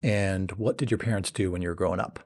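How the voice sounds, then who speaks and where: A man's voice: deep voice, fairly even intonation, quick pace, darkish tone. Upbeat man hosting a podcast. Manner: upbeat, chatty questioning. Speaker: podcast host. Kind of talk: podcast interview.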